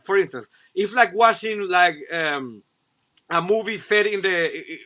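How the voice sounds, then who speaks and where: A man whose first language is Spanish, chatting casually as a guest, animated and full of restarts. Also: high voice. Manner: halting, many restarts, animated. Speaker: guest toy reviewer. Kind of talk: casual chat.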